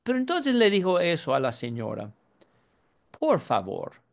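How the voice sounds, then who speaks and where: A man's voice: high-pitched, wildly swooping pitch, a little fast, gravelly. A man in his seventies, from the United States, preaching a sermon and telling a story in an earnest way. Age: 70s.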